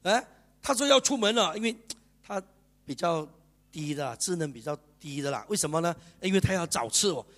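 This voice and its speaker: Guy preaching at church, high voice, keeps asking the crowd questions. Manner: lively, chatty preaching with bursts of laughter. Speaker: pastor. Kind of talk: sermon. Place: church service.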